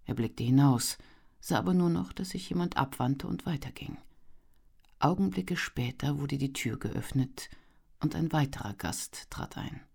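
An audiobook narrator reading a historical novel with measured pacing and expressive storytelling. The voice sits at a middle pitch and carries the scene calmly. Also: gravelly, breathy edge.

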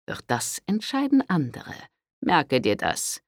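A man voicing a stern, scheming older priest who speaks slowly and haughtily in an audiobook. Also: medium pitch, huge pitch swings, no echo, clean studio sound, full character voice. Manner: severe, slow and haughty.

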